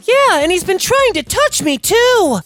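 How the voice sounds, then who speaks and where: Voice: extremely high pitch, big pitch swings, measured pace, a bit bright, soft background music, voice pushed up, heavily acted. The story narrator voicing a taunting, snide teenage daughter. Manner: snickering, taunting.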